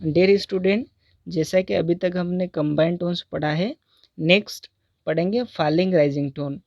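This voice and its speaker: A man teaching a recorded lesson on English intonation in Hindi. He has an Indian English accent and reads the English example sentences slowly and deliberately. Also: high-pitched, vocal fry, darkish tone, dry recording, lo-fi sound.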